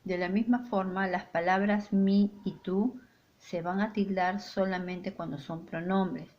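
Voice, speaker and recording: Slow, careful woman teaching a lesson. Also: mid-range voice, steady tone, lo-fi sound. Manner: slow, clear, deliberate delivery with stressed example sentences. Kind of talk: spoken grammar lesson.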